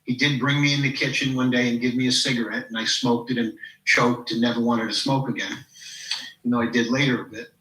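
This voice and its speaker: A man's voice: mid-range voice, steady tone, a little fast, pushed and bright, reverberant, far from the mic, rough recording. A man in his fifties, a podcast guest and coach, talking reflectively in a casual interview and leaning on "you know". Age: 50s. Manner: reflective, leans on "you know", acts out quoted people. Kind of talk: casual interview talk with personal stories.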